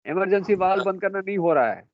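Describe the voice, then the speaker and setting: A man's voice: high voice, animated, fast talker, no echo. A middle-aged man, lecturing a class and quizzing his students, calling them beta and bhai. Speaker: marine engineering teacher. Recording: dry tinny phone-like classroom recording.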